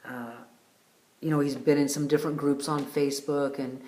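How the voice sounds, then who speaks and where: A man hosting a retreat, giving a casual, heartfelt video message with many pauses and fillers. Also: fairly high pitch, level tone, a little mellow. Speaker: retreat host. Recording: roomy echo.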